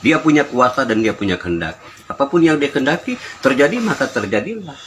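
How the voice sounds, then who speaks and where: Older man, emphatic spiritual teacher, medium pitch, informal didactic discourse, faint background noise. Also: big pitch swings, a little fast, fairly bright tone. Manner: emphatic, aphoristic, didactic delivery. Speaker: spiritual teacher answering questions. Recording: noisy ambient background.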